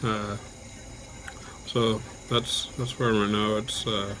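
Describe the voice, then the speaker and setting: A man chatting casually to camera in a halting, low-key way, his mouth numb, dry and stiff after jaw surgery. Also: flat delivery. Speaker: vlogger, patient recovering from jaw surgery. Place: hospital room. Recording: clear background noise throughout.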